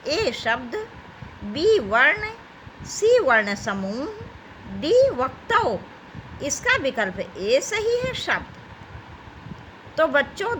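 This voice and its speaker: A woman's voice: high-pitched, bright, forceful tone, slight background noise, poor audio. A woman teaching an exam-prep grammar lesson, reading out questions and options and addressing her students as children. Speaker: Hindi teacher.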